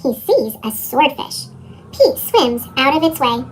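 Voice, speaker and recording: Here a storybook reader, a woman, performs picture books for kids with great animation and no rush, her voice pushed up into a sped-up chipmunk pitch. The audio is poor, with a slight hiss or hum.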